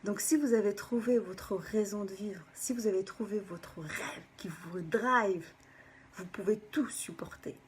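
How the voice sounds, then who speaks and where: A woman, a personal development coach, gives an animated motivational talk to viewers, often checking in with them and sometimes dropping into a soft whisper for emphasis. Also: medium pitch, measured pace, slight background noise. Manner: animated, keeps checking in with the listener.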